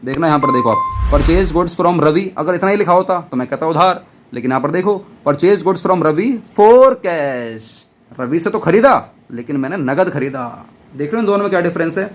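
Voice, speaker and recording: A man teaching an accounts class, loud and playful, often answering his own questions in a student's voice. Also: on the high side, animated, brisk, soft background music. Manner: loud, almost shouting while teaching. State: dry throat. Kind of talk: classroom lecture.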